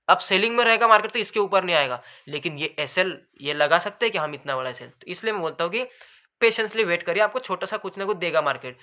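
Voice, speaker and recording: Fast-talking man teaching chart trading. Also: sits high, pushed and bright. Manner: fast, talks continuously without pause; addresses viewers as bhai sahab. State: dry throat. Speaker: trading educator. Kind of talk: screen-share chart lesson.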